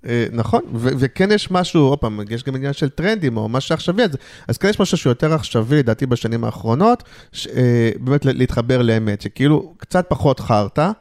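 A man's voice: medium pitch, expressive, darkish tone. A man talking as a guest in a casual interview, hesitant, with many fillers and restarts. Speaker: guest, advertising creative.

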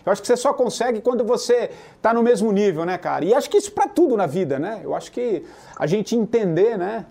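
Fast high-voiced male interviewer. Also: very animated, creaky, dark tone. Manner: quick, agreeing, fills his talk with tags. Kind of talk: casual chat.

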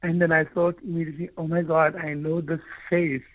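Speaking as a guest, the author recounts his life earnestly; he is South African, with Afrikaans as his first language, and he restarts phrases often while reaching for words. His voice is on the high side, level in tone, at a moderate pace. The tinny phone-like audio has no room sound.

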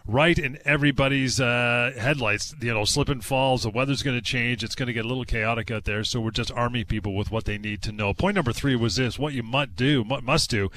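A male radio host with a mid-pitched voice. His delivery is casual and chatty, with the punchy push of someone promoting the show to listeners. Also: a little fast, hardly any pauses, fairly bright tone. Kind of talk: casual broadcast hosting.

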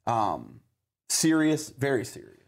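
A man's voice: mid-range voice, wildly swooping pitch, takes it slowly, gravelly. A man, a guest attorney chatting casually and rambling, with many restarts. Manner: rambling and conversational, with lots of fillers and restarts. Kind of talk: casual chat.

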